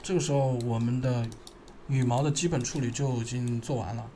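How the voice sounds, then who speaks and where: A man narrating a screen-recorded software tutorial, thinking aloud and pausing as he works. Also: medium pitch, steady tone, slight background noise. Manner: thinking aloud, halting, pausing while working.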